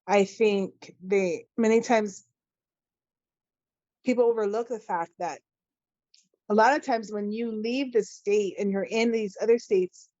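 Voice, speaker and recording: A woman in her forties speaks as a podcast guest, earnest and impassioned, stumbling into restarts as she works her thoughts out. The sound is dull and lo-fi, and very dry. Her pitch sits in an ordinary middle range. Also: darkish tone, no echo. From Hawaii. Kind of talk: casual podcast interview.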